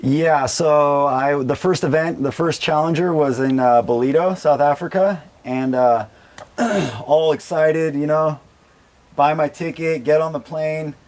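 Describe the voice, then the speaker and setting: A man's voice: on the high side, fairly even intonation, unhurried, a little mellow. A man with a Southern California accent, a guest surfer telling stories in a laid-back, casual way. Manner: laid-back, acts out quoted people in raised voices. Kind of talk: casual storytelling.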